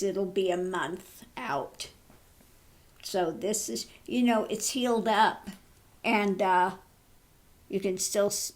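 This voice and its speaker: Here's a tarot reader and online vlogger in her early 70s, haltingly chatting in a casual, personal way. Thyroid surgery has lowered her voice and made it tire quickly, though she stays cheerful and laughs at her own woes.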